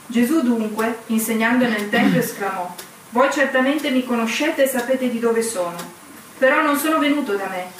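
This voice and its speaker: Female scripture reader, higher voice, steady measured delivery, distant mic in an echoey room. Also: a little hiss or hum. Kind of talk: reading scripture aloud.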